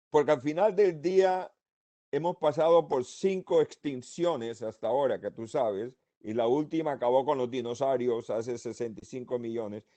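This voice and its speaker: A man from Colombia speaking, giving his views as a panelist in a seminar discussion in an animated, rambling way. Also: a little high. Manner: animated, rambling, laughs between points.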